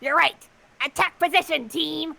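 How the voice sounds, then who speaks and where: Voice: high-pitched, steady tone, moderate pace, creaky, bright, forceful tone, pitched above the performer's own voice, heavily acted. A performer voicing a pompous, flirty male general with hammy, over-the-top delivery in an amateur fan reading. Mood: commanding.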